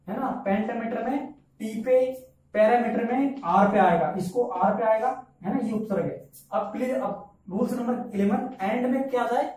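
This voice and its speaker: A man teaching English pronunciation, who repeats words slowly and keeps asking his listeners questions. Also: high voice, dark tone. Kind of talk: classroom lesson in Hindi. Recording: echoey room, from far off.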